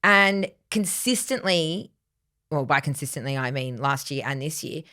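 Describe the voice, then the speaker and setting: A woman's voice: low voice, animated, measured pace, bright, forceful tone. A woman in her thirties with an Australian accent, co-hosting a casual chat podcast and telling self-mocking stories. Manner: chatty, storytelling, self-mocking. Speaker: podcast co-host.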